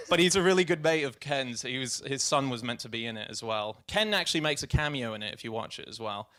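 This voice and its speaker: A young man talks on a festival stage in a middle-pitched voice. He rambles, restarts his sentences and laughs between them, trailing off quietly at the ends of thoughts. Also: animated, quick pace. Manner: rambling, stop-start, laughing asides. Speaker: guest filmmaker. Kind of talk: live on-stage conversation. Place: stage at a film festival event.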